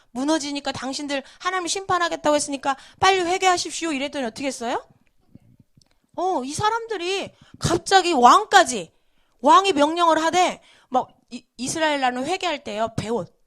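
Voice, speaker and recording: High-voiced woman preaching to children. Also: fairly bright tone. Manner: quizzes the children with frequent questions. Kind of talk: children's sermon.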